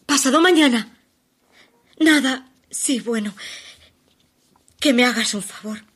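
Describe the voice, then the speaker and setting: Stage monologue: actress as a desperate abandoned woman pleading by phone, emotional and halting, high-ish voice. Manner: emotional, halting, shifting between hushed pleas and urgent outbursts. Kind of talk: theatrical monologue.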